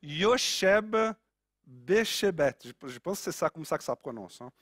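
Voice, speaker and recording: A man's voice: medium pitch, animated, fast talker, slightly rough, no echo, studio quality. A man preaching a sermon in a Brazilian accent, earnest and repeating key phrases for emphasis.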